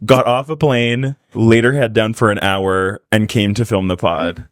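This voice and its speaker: A man's voice: on the low side, fairly even intonation, measured pace, no room sound, clean studio sound. A hungover man hosting a podcast in a casual, chatty way, scattering filler "like" through his sentences. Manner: chatty, peppered with "like". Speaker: podcast host. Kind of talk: casual chat.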